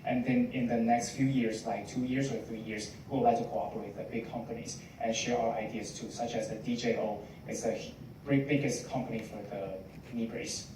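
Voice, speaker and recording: A male student contestant answering judges in halting, broken phrasing. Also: medium pitch, steady tone. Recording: echoey hall, distant mic, noise.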